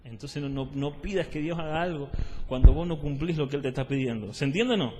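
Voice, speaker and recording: A man's voice: a little high, fast talker, background noise. A man with a Rioplatense Spanish accent teaching a discipleship sermon, repeating his points and asking the listeners whether they follow. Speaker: preacher. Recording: long hall reverb.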